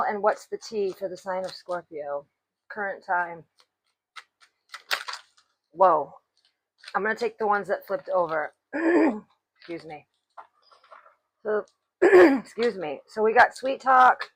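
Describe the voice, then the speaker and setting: A woman giving a tarot reading, speaking slowly and deliberately and clearing her throat now and then. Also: medium pitch, fairly bright tone, a little hiss or hum, rough recording. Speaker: tarot reader.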